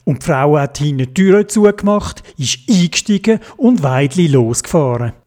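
A man with a Swiss German accent reading a children's story aloud, gentle and expressive. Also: a little high, normal speed.

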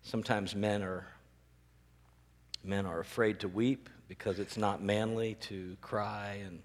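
A male pastor preaching a sermon, animated and rising to emphatic peaks. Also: fairly low pitch, unhurried. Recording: long reverb of a large hall.

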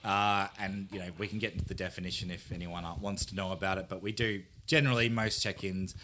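A man co-hosting a casual podcast chat, talking through beers in a relaxed, agreeable way. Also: low voice, quick pace, a little hiss or hum. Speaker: podcast co-host.

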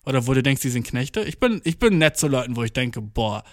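A man's voice: medium pitch, very animated, brisk, no room sound, studio quality. A young man in a casual monologue, talking slangy and swearing a lot, with English words mixed in. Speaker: vlogger.

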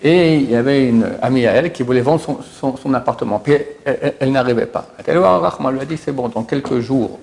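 His voice mid-range, gravelly and a little mellow, a middle-aged storyteller casually shares religious miracle stories. The telling is halting, with frequent stumbles where he repeats and restarts words.

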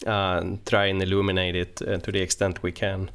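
Man, fairly low voice, podcast host, technical discussion, halting careful phrasing, long-winded questions. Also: completely flat delivery, a bit bright, clean tone.

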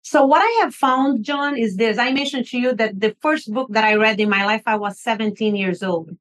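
A woman's voice: a little high, moderate pace, fairly bright tone. A middle-aged woman from Brazil with a Brazilian Portuguese accent, speaking earnestly as an author guest on a podcast interview.

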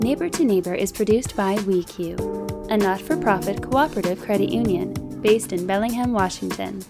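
A woman of mid-range pitch reads a polished, scripted podcast introduction. She speaks over loud, clear music. The delivery is measured and even. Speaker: podcast announcer.

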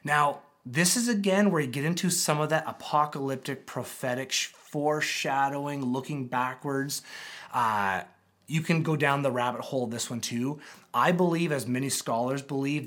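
A man preaching a sermon as pastor to his church, animated with dramatic pauses and scripture reading. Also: medium pitch. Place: church auditorium with congregation.

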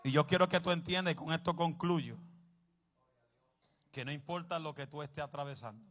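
Forceful preacher, loud bursts. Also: male voice, fairly high pitch, moderate pace. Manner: animated, humorous, bursts into shouting. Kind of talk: sermon.

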